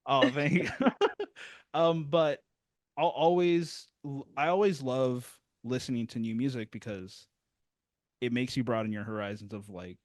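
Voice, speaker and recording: This man hosts a music review interview, chatting casually in a rambling, self-deprecating way and restarting often. His mid-range voice is unhurried, and the recording is dry and close with no room sound.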